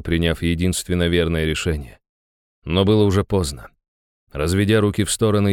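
A man narrating a first-person fantasy audiobook in an even, measured way, close to the mic. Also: deep voice, clear, resonant tone, dry recording.

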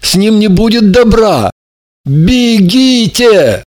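A man's voice: sits high, lively intonation, takes it slowly, darkish tone, voice pushed up. Man reading as an anguished young man cursed in love. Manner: pleading, despairing. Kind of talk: audiobook character reading.

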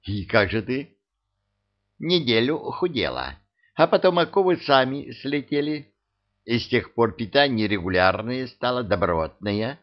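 A man's voice: mid-range voice, very animated, unhurried. A man voicing a homely, cunning old witch held in chains, chatty, folksy and coarse. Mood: sly. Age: older. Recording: dull lo-fi audio.

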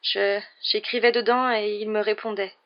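A frightened young girl, tearful and small-voiced, pitched higher than the narration, as an audiobook reader puts her on. The recording is dull and lo-fi. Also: level tone, brisk, vocal fry, lightly acted.

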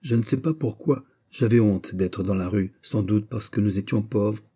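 A male narrator reads a classic novel aloud in audiobook style. His voice is deep in color, very dark and mellow, with a husky grain. He reads expressively and raises his voice on exclamations. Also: normal speed.

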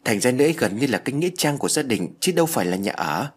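A man's voice: medium pitch, very animated, racing, slightly rough. A man voicing a deferential young inn worker. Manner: deferential reporting.

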